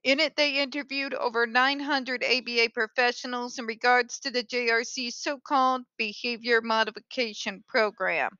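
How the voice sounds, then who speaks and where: A woman's voice: a little high, fairly even intonation, moderate pace, few pauses, bright, forceful tone, clear, resonant tone, no room sound, muffled recording. A woman hosting an opinionated commentary show in a polished call-center phone voice, speaking in a blunt, sarcastic, emphatic way. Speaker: host of an advocacy commentary show.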